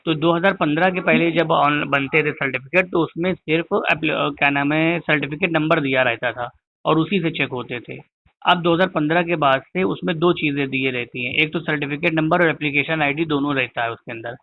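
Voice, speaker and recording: A teacher patiently explaining to a caller over a crackly cordless phone line, repeating his points until they are clear. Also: a little high, a little fast. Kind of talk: phone call advice. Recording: tinny, noisy phone line.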